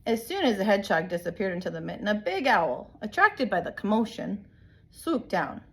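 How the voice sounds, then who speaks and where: A woman reading a picture book aloud in an animated, emphatic way, like a teacher telling a story to young children. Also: mid-range voice, brisk, a little hiss or hum. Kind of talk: expressive storybook read-aloud.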